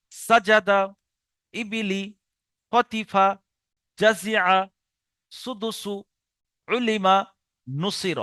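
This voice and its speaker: A man teaching Quran reading in a recorded online lesson, spelling letters out slowly and chanting the rules quickly by rote. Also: on the high side, fairly bright tone, smooth, no room sound, clean studio sound. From India.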